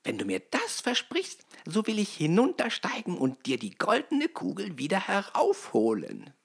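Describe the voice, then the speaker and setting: A woman voicing a male frog in a well in a fairy tale, speaking slowly and coaxingly as he bargains. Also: wildly swooping pitch, heavily acted. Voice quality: deep and gravelly.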